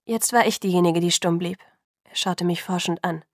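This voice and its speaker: A woman narrating a novel in the first person, with a soft, intimate reading that sometimes drops to a whisper. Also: fairly low pitch, fairly even intonation, moderate pace, dry recording, clean studio sound. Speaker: audiobook narrator.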